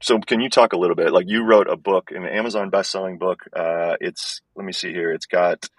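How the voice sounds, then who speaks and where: Male podcast interviewer, deep register, conversational delivery, thin metallic tin-can tone from an earbud mic. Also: steady tone, a little fast, breathy edge, no echo. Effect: thin, tinny, tin-can sound. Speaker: podcast host. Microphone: wireless earbuds. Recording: tinny earbud microphone audio.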